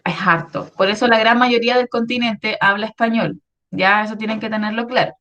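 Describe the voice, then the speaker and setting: A woman's voice: on the high side, steady tone, a little fast, a bit bright. A woman with a Chilean accent, a history teacher explaining a lesson to schoolchildren in an online class, often checking they follow. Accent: Chilean Spanish. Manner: patient, explaining with many checks like "¿ya?".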